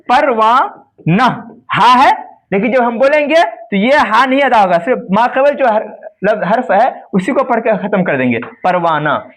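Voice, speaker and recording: Lively high-pitched male teacher. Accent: Bihari Hindi. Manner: asks questions then answers them himself; stretches out example words slowly. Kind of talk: classroom grammar lesson.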